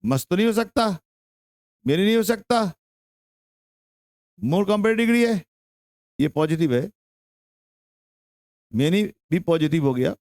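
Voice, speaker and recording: A man's voice: high-pitched, animated, measured pace, pauses often, a little mellow, no room sound, clean studio sound. A young man with a Bihari Hindi accent teaching an English grammar lesson to a class, drawing out his words and repeating questions and answers.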